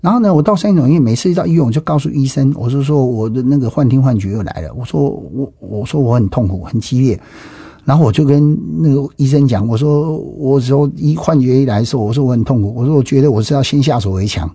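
A middle-aged man with a Taiwanese Mandarin accent gives an emphatic personal testimony about his life, full of exclamations and repeated phrases. His mid-range voice is dark and husky and moves at a quick pace. The recording is dry and close, with little room sound and no echo.

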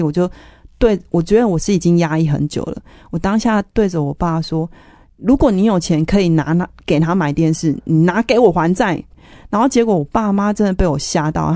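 A woman with a fairly low, dark and mellow voice shares her faith testimony in an interview. She tells it earnestly, with strong emotion running under her words. The sound is close and dry. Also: no room sound. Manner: earnest, emotional retelling of family conflict. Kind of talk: personal testimony storytelling.

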